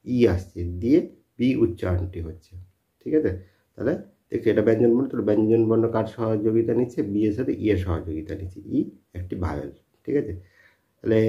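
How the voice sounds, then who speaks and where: A man teaching a spoken lesson, who repeats his points and answers his own questions. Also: lowish voice. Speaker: English teacher. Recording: dull lo-fi sound.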